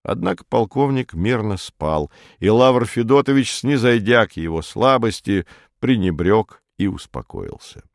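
A man reading an audiobook in a measured, ironic manner. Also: lowish voice, lively intonation, vocal fry, dry recording, studio quality. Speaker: narrator.

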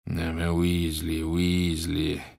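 A man's voice: sits low, monotone, very slow, gravelly, darkish tone, exaggerated voice. A man voicing a tired, grumpy wizard official who grumbles wearily, in an audiobook reading. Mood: grumbling. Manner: weary, grumbling.

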